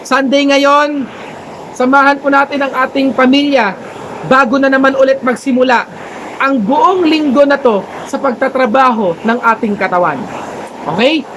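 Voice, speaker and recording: An earnest man telling a faith story in a casual motivational vlog. His voice sits high for a man and stays polite and gently preachy. Faint background noise runs under his talk. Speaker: motivational vlogger.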